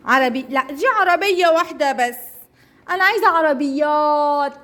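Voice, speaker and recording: A speech therapist with an Egyptian accent leads a lesson for young children, praising them often and slowly drawing out target words as she repeats them. Her voice is high and fairly bright, and the room is noisy.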